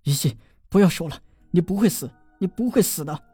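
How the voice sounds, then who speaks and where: The narrator voicing a grief-stricken young man who sobs and shouts desperate pleas. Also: medium pitch, expressive, brisk, husky, soft background music. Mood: anguished. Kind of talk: audiobook drama reading.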